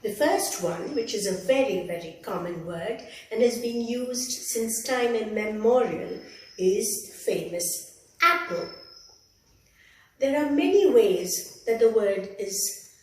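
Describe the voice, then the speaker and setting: A woman giving a phonics lesson, explaining letters and their sounds with slow, careful enunciation. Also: fairly high pitch, lively intonation, slight background noise. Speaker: teacher. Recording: echoey room, voice from a distance.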